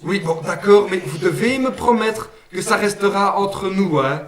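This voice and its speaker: A high-pitched man with a natural voice plays a friendly guardian angel, male and Brussels-accented, who is homely and keeps saying "une fois" and "hein". He speaks kindly at normal speed, recorded from a distance with a roomy sound.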